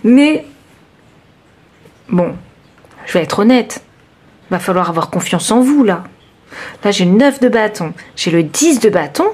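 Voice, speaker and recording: A woman giving a chatty, expressive tarot reading, talking straight to her listeners and exclaiming over the cards. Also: mid-range voice, moderate pace, slightly rough. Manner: addresses listeners directly. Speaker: tarot card reader. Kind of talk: informal tarot reading to camera.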